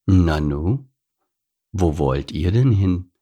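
A man voicing a large, smug baboon with a smooth, pleasant voice in an audiobook story. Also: low-pitched, lively intonation, mellow, exaggerated voice. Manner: condescending, slow.

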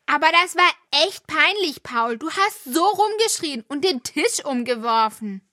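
A woman's voice: sits high, animated, a little slow, sharp tone, no room sound, clean studio sound, full character voice. A woman voicing a talkative, curious young worm child in a children's audio drama. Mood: eager.

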